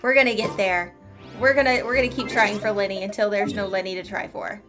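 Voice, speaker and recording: A gaming streamer offers casual, playful commentary, talking to herself and adding little sound words. Her mid-range voice is steady, fairly quick and fairly bright, with video game music in the background.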